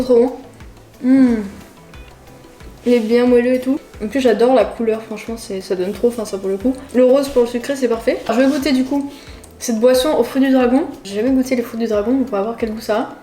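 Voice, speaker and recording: Eating through a casual food challenge in her home kitchen, a young woman vlogger talks chattily to her audience and giggles often. She speaks a little fast in a fairly high, mellow voice with fairly even intonation, recorded in an echoey room with background music.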